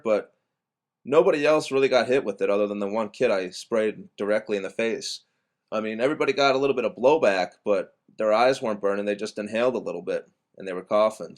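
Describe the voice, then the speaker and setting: A young man working as a bouncer, talking in a casual vlog, rambling with many restarts and fillers and swearing bluntly. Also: medium pitch.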